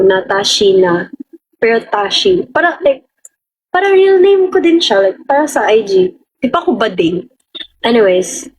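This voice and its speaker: A woman's voice: fairly high pitch, a little mellow, rough recording. A young woman with a Filipino accent, chatting casually on a livestream and rambling as she answers viewers' comments. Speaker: livestream host.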